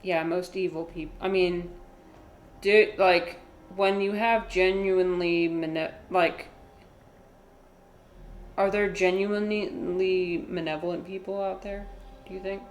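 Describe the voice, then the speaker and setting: A woman giving casual, rambling commentary as she plays a video game, with vocal fry in her voice. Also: lowish voice, fairly even intonation, takes it slowly, long pauses, reverberant. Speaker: streamer playing a video game.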